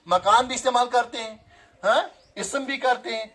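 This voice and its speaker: A male teacher giving a classroom grammar lesson, slowly repeating phrases and quizzing his students. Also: very high-pitched, a bit bright. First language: Kashmiri.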